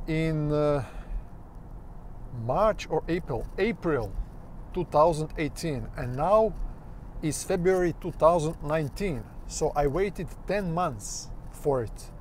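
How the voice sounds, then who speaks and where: A Croatian native speaker sits in his new car and talks through a review of it slowly and casually, hesitating, restarting, using plenty of fillers, and swearing every so often. His slightly high voice has lively intonation, and a little hiss or hum comes through.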